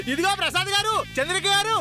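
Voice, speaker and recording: An actor playing a fussy, excitable male household servant in a TV serial comedy, gushing and fawning in sing-song outbursts. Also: very high voice, moderate pace. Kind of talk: Telugu TV serial comedy acting. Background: loud serial background music.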